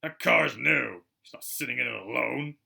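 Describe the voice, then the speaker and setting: A man voicing a gruff, irritable middle-aged uncle in a storybook, blustering and menacing. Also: mid-range voice, moderate pace, sharp tone, exaggerated voice. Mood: indignant.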